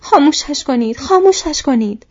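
A woman voicing a panicked young male hobbit in an audiobook, breathy and pleading in loud high cries. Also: fairly even intonation. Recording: dull lo-fi recording.

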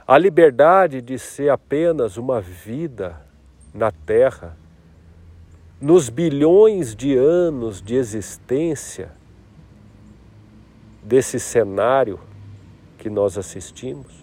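A man leading a guided meditation in a slow, soft-spoken, reflective way. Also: medium pitch, expressive.

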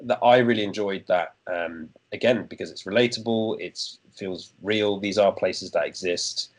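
A man's voice: low-pitched, moderate pace. A man co-hosting a podcast, chatting casually about a video game with frequent fillers and restarts. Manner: hesitant, many fillers and restarts. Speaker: podcast co-host. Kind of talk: casual chat.

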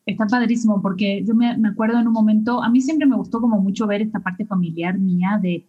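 A woman's voice: medium pitch, fairly even intonation, fast, breathy edge, muffled recording. A woman hosting a casual interview, thinking aloud with many fillers.

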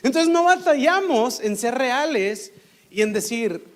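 A man with a Mexican accent, a pastor giving a sermon in a relaxed, conversational way and acting out the voices of people he quotes. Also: extremely high pitch, a little slow.

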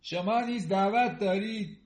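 A man's voice: high voice, voice pushed up, close to an everyday voice. A man voicing a short, pale male monk-priest who speaks formally, raising his voice and drawing the words out, recorded in an echoey room. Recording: roomy echo.

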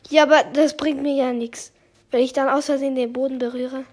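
Excitable young female gamer, high voice. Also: fairly quick. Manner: excitable, drops to whispers when tense. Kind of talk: gameplay commentary.

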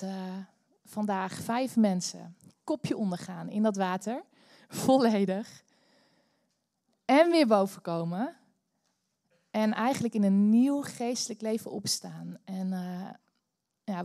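A Dutch woman preaching a sermon in church, telling a story with animated bursts of energy. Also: medium pitch, slow, creaky, pauses often, no echo, studio quality. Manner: animated, bursts into loud cheering when acting out the story. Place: church hall.

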